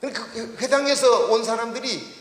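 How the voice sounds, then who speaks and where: A man with a high voice preaches a Sunday sermon in a church sanctuary, often pausing to put questions to the congregation and calling them to read the text aloud together. The sound comes back from the room with a long, roomy reverb. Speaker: pastor. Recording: echoey church hall reverb.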